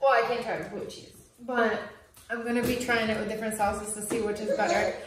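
Chatty young mom in a very echoey room. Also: female voice, a little high, level tone, a little fast. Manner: chatty and upbeat, talks sweetly to babies. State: pregnant. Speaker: family vlog co-host, mother. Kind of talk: casual family food review chat. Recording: very echoey room, a bit far from the mic, faint noise.

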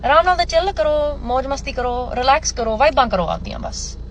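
A young woman chatting casually and opinionatedly, with animated, exasperated, dramatic emphasis and English mixed in. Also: high voice, brisk, slight background noise. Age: young adult. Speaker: vlogger. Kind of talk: casual opinionated chat to camera, mixing in English.

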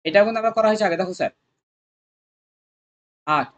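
A quick, energetic math tutor, running an exam-prep lesson at a brisk pace. The voice sits at a middle pitch and keeps up a constant call-and-response, asking students to supply each answer and coaxing them along with repeated prompts. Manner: coaxing, repetitive. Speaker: math tutor at a coaching centre.

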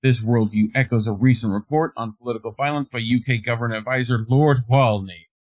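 A man co-hosts a talk stream. His voice is of middling pitch and recorded close and dry. He reads news articles aloud and keeps breaking off with laughs and wry asides. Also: fairly even intonation, fairly quick, a little mellow, no echo, low-quality recording. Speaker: co-host. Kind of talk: reading news aloud and commenting.

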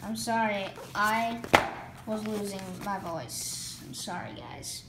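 A young woman YouTuber, hoarse and losing her voice, rambles through a toy catalog in casual off-the-cuff vlog talk, quickly listing items with filler words. Her pitch is medium and her intonation lively. The indoor room is echoey, with clear background noise.

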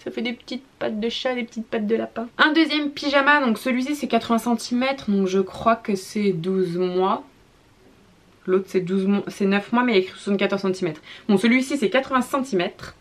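A young woman, a mother, chatting casually in a haul vlog, gushing about baby clothes and often repeating words and filling pauses with "euh". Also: fairly high pitch.

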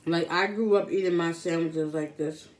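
A mukbang vlogger in her thirties chats casually to the camera while eating, often talking between bites with her mouth full. Her voice is lowish and steady at a moderate pace, recorded clearly in a small room at home with some background room noise.

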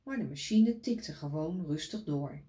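Lady reading a kids picture book out loud, slow and sing-songy, points at the pictures. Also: low-pitched, lively intonation. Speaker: storyteller reading to children. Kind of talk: picture book read aloud.

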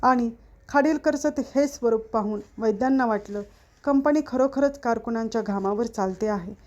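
A woman narrating a literary short story aloud in a steady, expressive way. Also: fairly high pitch, normal speed, muffled recording.

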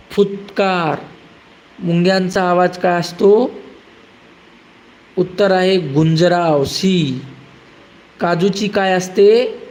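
High-voiced man drawing out quiz answers. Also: darkish tone, rough recording. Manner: asks a question, then gives the answer slowly and drawn out. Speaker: exam-prep quiz teacher. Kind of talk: reading quiz questions and answers aloud.

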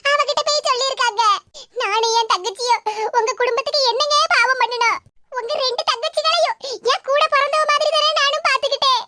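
A woman's voice: very high voice, very noisy. A woman voicing a sly, scheming younger sister in a cartoon, coaxing and mock-tearful, with a Tirunelveli Tamil accent.

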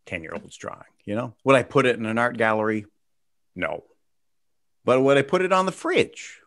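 A man's voice: lowish voice, a bit bright, no room sound, studio quality. A middle-aged man doing casual stand-up comedy over a video call, self-mocking and laughing at his own jokes. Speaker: stand-up comedian hosting a virtual show.

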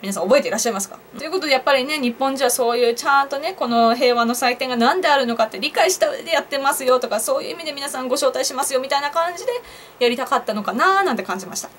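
A woman's voice: sits high, animated, very fast, a bit bright, slight background noise. A young woman vlogger chatting on her own to viewers, laughing at her own jokes and asking them questions. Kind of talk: casual solo commentary to camera.

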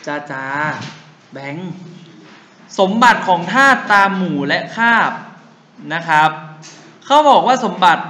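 A man's voice: sits high, sing-song, a little slow, long pauses, bright, forceful tone, echoey room, slight background noise. A young man teaching chemistry to a class, drilling memory tricks in a sing-song chant and calling himself their big brother. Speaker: chemistry tutor.

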